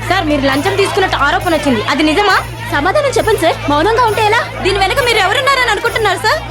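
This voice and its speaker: A woman's voice: very high-pitched, expressive, rapid-fire, loud music behind the voice. An actress playing a distraught mother who pleads tearfully with the police for her son. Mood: pleading.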